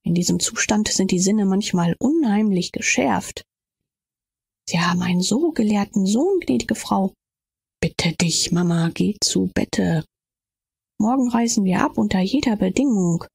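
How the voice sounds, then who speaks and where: A woman reading an audiobook, voicing a curt, impatient young man who talks in a brisk, clipped way. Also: mid-range voice, expressive, creaky, darkish tone, slightly rough, no echo, full character voice.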